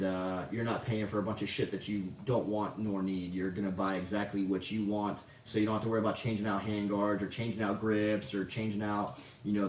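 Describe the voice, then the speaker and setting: A lower-voiced man chatting casually on a livestream, rambling, swearing freely and poking fun at himself. He sits back from the mic, so his voice carries a roomy echo. A faint hum of noise sits underneath. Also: a little mellow, far from the mic. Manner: rambling, profane, self-mocking. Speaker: livestream host answering chat.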